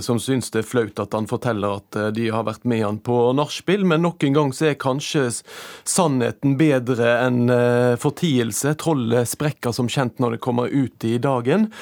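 A man's voice: mid-range voice, a little mellow, no room sound, studio quality. A man giving a spontaneous book review in a radio interview, with wry, figurative phrasing.

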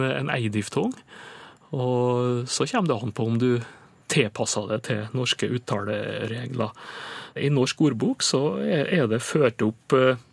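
A man as a radio dialect expert, answering listener questions in a measured, explanatory way with frequent pauses. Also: mid-range voice, creaky, slightly rough, dry recording.

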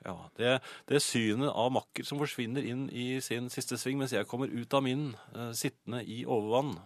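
Deadpan radio host. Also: male voice, medium pitch, no room sound. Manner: deadpan, hesitant storytelling. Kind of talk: comedic radio banter. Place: radio studio. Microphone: studio microphone.

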